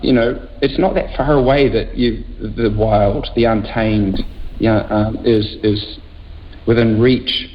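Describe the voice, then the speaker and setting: Low-voiced reflective winemaker, lo-fi sound. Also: male voice, fairly even intonation, takes it slowly. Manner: reflective, lyrical about landscape. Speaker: winemaker guest. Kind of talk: casual interview chat. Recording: dull lo-fi with faint noise.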